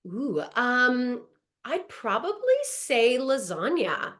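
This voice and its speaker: Speaking from home in Los Angeles over a video call, a Montreal-raised actress whose first language is French takes her time in a relaxed, casual interview. Her slightly high voice is crisp and bright. She stays chatty and upbeat throughout, with plenty of easy laughter.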